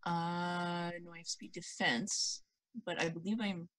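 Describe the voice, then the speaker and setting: A woman's voice: lowish voice, level tone, measured pace, fairly bright tone. A woman playing a tabletop game, chatting casually in a playful, self-mocking way.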